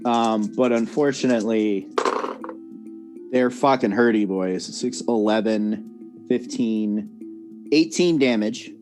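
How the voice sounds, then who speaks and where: A man running a tabletop game as game master, narrating the action with a relaxed, laughing manner and frequent self-corrections. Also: fairly low pitch, slow pace, pauses often, over music. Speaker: dungeon master.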